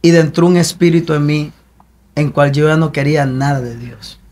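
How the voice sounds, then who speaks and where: A man's voice: fairly high pitch, normal speed, a little mellow. Earnest young man giving testimony. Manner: earnest, repetitive, preacher-like cadence. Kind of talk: emotional personal testimony.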